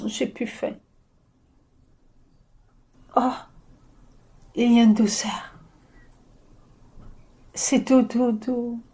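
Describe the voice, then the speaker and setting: Slow, hushed Québécois woman. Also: a little high, flat delivery. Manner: slow, halting phrases with soft whispered asides. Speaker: spiritual medium. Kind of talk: inspired prophetic message.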